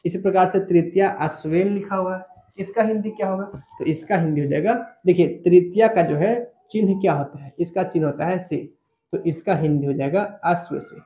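A man's voice: sits high, a little fast, warm tone. A man teaching an online grammar lesson. He explains step by step, repeats the key points and asks his students questions. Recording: echoey room.

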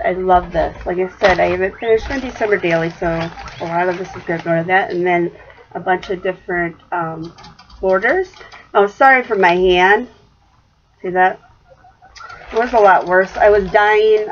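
A woman's voice: medium pitch, highs cut off, a little hiss or hum. Chatty middle-aged woman on a webcam. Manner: rambling, chatty, many fillers. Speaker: craft vlogger. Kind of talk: casual show-and-tell chat. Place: craft room at home, indoors.

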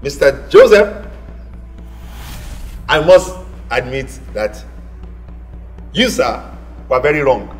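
A middle-aged man hosts a TV quiz show in a studio, speaking into a lapel mic with a breathy edge. He's theatrical, swinging his pitch widely and dragging out key words at a slow pace with frequent pauses. Faint music plays behind him.

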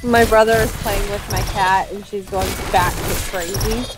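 A woman's voice: medium pitch, steady tone, moderate pace. A woman co-hosting a game stream, making dry, joking remarks in casual chat. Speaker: co-host. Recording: faint game music behind.

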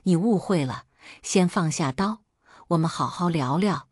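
Woman doing a calm firm doctor guy in a story, low voice, dry. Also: unhurried, breathy edge, no room sound. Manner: firm, level-headed. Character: calm protective doctor, man, principled.

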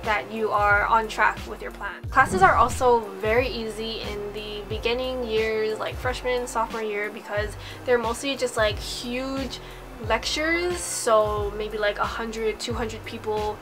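A woman's voice: a little high, unhurried. A woman in her twenties from Hawaii, giving upbeat casual advice to the camera from her bedroom and saying "like" often. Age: 20s. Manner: chatty, upbeat, lots of "like". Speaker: vlogger. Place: bedroom, indoors. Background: background music.

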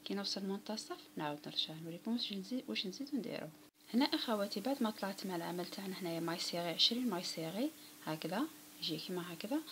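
A woman with an Algerian Arabic accent giving a calm step-by-step crochet tutorial, often dropping to a near whisper. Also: mid-range voice. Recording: home recording with clear background noise.

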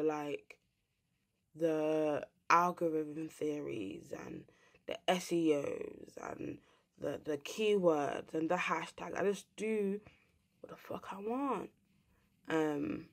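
A young woman talks straight to her camera in a loose, rambling rant. Her voice sits low for a woman, and she drifts between thoughts and swears without a filter. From England. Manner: rambling, blunt, swears freely. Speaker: vlogger. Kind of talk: casual ranting monologue.

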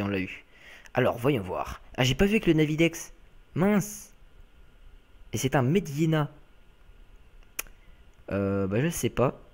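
A man's voice: lowish voice, darkish tone. A young man from France giving chatty, casual let's-play commentary, full of fillers and asides to viewers.

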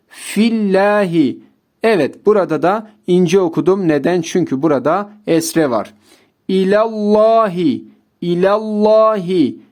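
A man teaching Quran reading in a recorded lesson, explaining rules and reciting practice words slowly, often addressing his viewers as dear friends. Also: on the high side, a little mellow.

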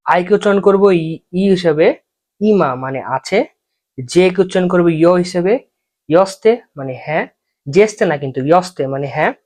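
A patient language teacher leads an alphabet lesson, taking each letter in turn. The example words come slowly and are often said twice, so learners can copy them. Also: mid-range voice, darkish tone.

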